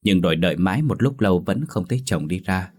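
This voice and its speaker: A man narrating a ghost story in a slow, measured, suspenseful scripted style. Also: sits low, expressive, breathy edge.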